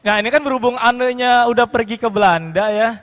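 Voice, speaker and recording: A man with a very high-pitched voice chats casually as an event guest. The sound rings with the long echo of a hall. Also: a little fast, a bit bright. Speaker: event guest, actor in a series. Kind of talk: casual stage chat. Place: event stage with audience. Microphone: handheld microphone. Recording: echoey hall through stage PA.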